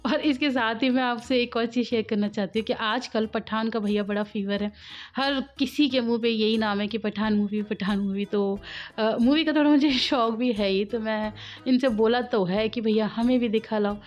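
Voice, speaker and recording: A woman's voice: a little high, fairly even intonation, normal speed, faint music behind. A woman recording a chatty voice-over for her home cooking vlog. She has a sore throat and a cough, laughs often, and drifts into side stories. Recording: dull lo-fi voice-over.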